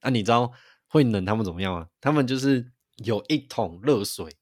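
A man, co-hosting a podcast and telling a story in an animated way, with frequent restarts. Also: medium pitch, fairly quick, no room sound, studio quality. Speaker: podcast co-host. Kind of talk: casual chat.

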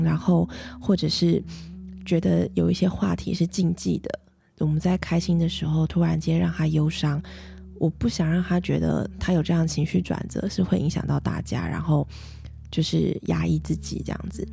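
Gravelly-voiced soft-spoken mother. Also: fairly low pitch, fairly even intonation, moderate pace. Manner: gentle, reflective, soft-spoken with many fillers. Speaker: mother and vlogger. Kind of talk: casual personal storytelling.

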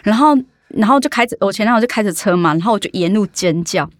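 A woman with a Taiwanese Mandarin accent, telling an animated, vivid story in a casual podcast chat. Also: mid-range voice, quick pace, very noisy. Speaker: podcast co-host.

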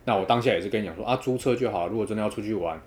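A man chats quickly and casually, telling a story and acting out the people in it. His voice sits fairly low, and he breaks into loud laughs as he gets going. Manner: animated storytelling, quotes others, laughs loudly. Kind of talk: casual chat.

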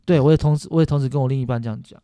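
Male, thirties, Taiwanese accent, soft-edged mellow tone, speedy slangy talk, blunt and casual. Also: mid-range voice, fairly even intonation, rapid-fire, no room sound, clean studio sound. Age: 30s. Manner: blunt, slangy, repeats himself. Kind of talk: casual, frank chat.

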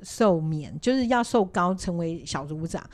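A woman's voice: on the low side, expressive, moderate pace. A woman, co-hosting a podcast and telling a story in casual chat, laughing as she goes. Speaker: podcast co-host.

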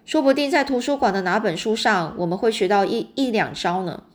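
A woman's voice: mid-range voice, fairly quick, natural voice. A woman reading aloud and voicing a kindly, teasing old grandfather in a storybook.

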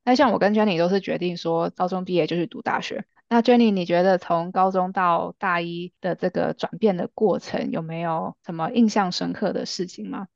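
A young woman with a low, gravelly voice co-hosting a casual podcast. Her talk is relaxed and thoughtful. The sound is dry and a little dull, like a lo-fi recording. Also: fairly quick, few pauses, no room sound. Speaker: podcast co-host.

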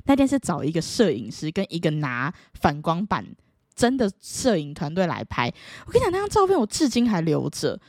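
A young woman, telling a personal story to camera in a playful, animated way that leaps into high excited exclamations. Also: brisk, no room sound, clean studio sound. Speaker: vlogger.

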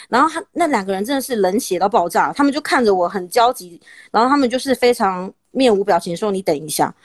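Taiwanese lady podcast host, fast lively storytelling, dry close sound, kinda dramatic. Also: high voice, no echo. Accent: Taiwanese Mandarin. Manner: dramatic, animated storytelling with laughs. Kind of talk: casual chat, storytelling.

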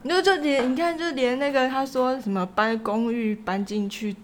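A young woman, co-hosting a podcast and complaining in animated casual chat. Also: on the high side, moderate pace. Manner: animated complaining, frequent fillers. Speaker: podcast co-host.

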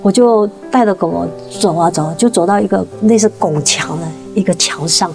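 A woman tells her faith testimony in an earnest, halting way, restarting and repeating words and climbing higher when the story gets tense. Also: gravelly, darkish tone, soft background music. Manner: rises sharply in pitch at tense moments. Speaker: guest sharing a faith testimony. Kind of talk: emotional personal storytelling.

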